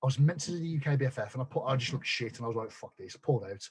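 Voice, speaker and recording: A man telling his story as a guest on a podcast, blunt and quick to swear, tripping over restarts. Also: medium pitch, husky. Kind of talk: casual chat.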